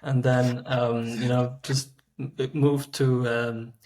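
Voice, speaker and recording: Man, 30s, founder guest; even, monotone, hesitant speech. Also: medium pitch, slight background noise. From Switzerland. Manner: halting, many fillers and restarts. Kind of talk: casual interview answers.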